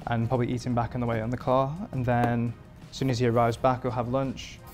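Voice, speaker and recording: Speaking fast over music, this medium-pitched man is a thirtysomething chef from England who performs for a living. Indoors in a modern home kitchen, he handles interview questions loosely, wandering off track and filling gaps with plenty of fillers.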